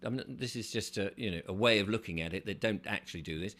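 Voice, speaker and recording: A man with a somewhat low voice hosts his own channel and talks straight to camera without a script. He explains his points earnestly, one step at a time. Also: fast, a bit bright. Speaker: channel host. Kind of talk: unscripted solo video monologue.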